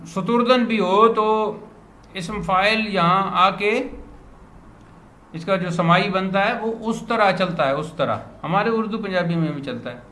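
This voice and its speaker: A man teaching a grammar lesson to a student, patiently repeating words slowly as a drill. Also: high voice, pushed and bright. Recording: roomy echo, faint background noise.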